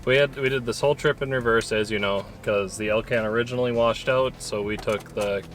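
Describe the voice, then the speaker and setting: A man's voice: mid-range voice, fairly even intonation, fairly quick, a bit bright. A man from the United States chatting casually as a travel vlogger. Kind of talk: casual travel vlog chat.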